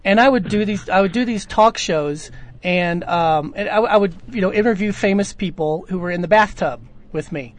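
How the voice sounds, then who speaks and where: A man's voice: high-pitched, moderate pace. A man answering listener questions in a casual chat, rambling through long stories with lots of fillers and restarts. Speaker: audio drama producer. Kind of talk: casual podcast Q&A.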